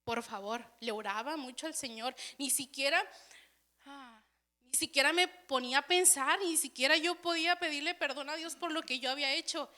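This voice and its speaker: A woman's voice: high voice, moderate pace, pushed and bright. A young woman sharing an earnest, emotional personal testimony in church, often repeating and restarting her words. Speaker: church speaker.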